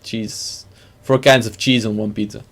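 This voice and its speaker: A man's voice: fairly low pitch, flat delivery, unhurried. A man from Belgium co-hosting a casual podcast, playful and jokey. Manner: playful, jokey, laughs often. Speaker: podcast co-host.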